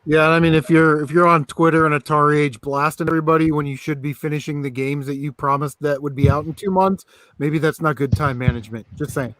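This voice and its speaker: A man's voice: fairly high pitch, fairly even intonation, fast talker, fairly bright tone. A man in his thirties, a guest on a casual panel chat, speaking bluntly and candidly with a sardonic edge. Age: 30s. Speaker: podcast guest.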